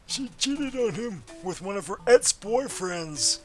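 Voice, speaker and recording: A man's voice: high voice, animated, slow, voice pushed up, rough recording. A man voicing a rambling elderly male professor who talks through his dentures, in a quavering, long-winded way, over game music. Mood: gossiping.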